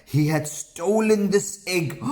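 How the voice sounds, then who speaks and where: A man telling a moral story to children, slow and animated with frequent ums and pious phrases. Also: on the high side.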